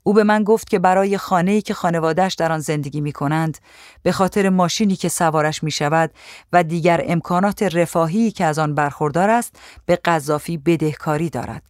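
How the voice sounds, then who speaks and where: Brief: first-person memoir narrator, somber and steady, dry close recording. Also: mid-range voice, dry recording. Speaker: audiobook narrator.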